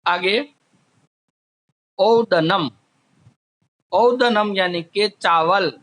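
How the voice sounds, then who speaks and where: A man teaching a class, slowly drilling word forms, asking questions and answering them himself. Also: sits high, fairly bright tone. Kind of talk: slow classroom explanation. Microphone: recorded while writing on a board.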